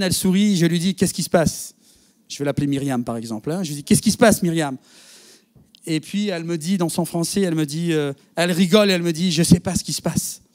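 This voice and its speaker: A male pastor preaching to his congregation, telling a story and acting out the dialogue. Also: sits high. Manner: animated storyteller, quotes others in dialogue. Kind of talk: sermon with storytelling. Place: church.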